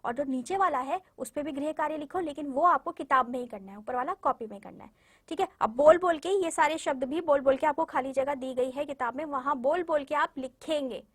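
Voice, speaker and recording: High-voiced woman teaching young children. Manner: slow, patient syllable-by-syllable spelling out; encouraging, addresses children directly. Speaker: primary school Hindi teacher. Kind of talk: online class lesson for young children.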